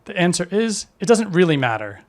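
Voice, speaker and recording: A man reads a scripted language lesson in an even, instructive manner, sounding like a language teacher. His voice is slightly higher than typical for a man, and he moves fairly quickly, laying out each point steadily as in a prepared explainer.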